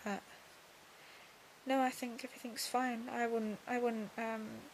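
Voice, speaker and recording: A young woman talking casually in a video diary, subdued and drowsy as she recovers from surgery, her voice creaky and breaking into breath. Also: fairly high pitch, little pitch movement, a little slow, slight background noise. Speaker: vlogger.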